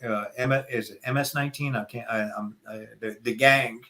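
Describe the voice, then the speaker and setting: A man's voice: mid-range voice, steady tone, moderate pace, bright, forceful tone. An older man with a Southern accent, a guest talking in a folksy, rambling, opinionated way during a casual interview. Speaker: guest speaker.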